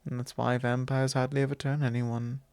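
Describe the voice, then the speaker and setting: Speaking close to the microphone, a man plays a courteous, confiding vampire lord in a soft, intimate ASMR roleplay, lightly acted. His smooth mid-range voice has little pitch movement, and he delivers solemn, tender lines in measured, formal, hesitant phrases, with no echo.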